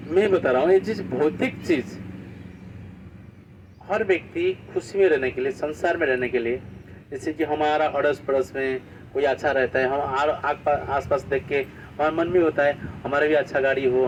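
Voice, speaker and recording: A man's voice: a little high, fairly even intonation, moderate pace. A man giving a devotional talk, telling stories and acting out the dialogue, with rhetorical questions to the listeners. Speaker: preacher. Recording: distant mic, dull sound, faint street noise.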